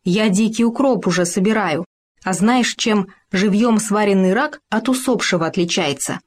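A woman voicing a gluttonous, eager and cowardly male gopher who chatters quickly in a children's story. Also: mid-range voice, slightly rough, lightly acted. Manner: fast chattering.

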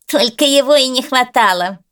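A woman's voice: high voice, animated, normal speed, fairly bright tone, pitched above the performer's own voice. A smug little bulldog champion from a storybook, sneering and taunting in a raised, mocking voice, as a woman puts him on. Every remark drips with scorn. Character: mocking small male French bulldog champion.

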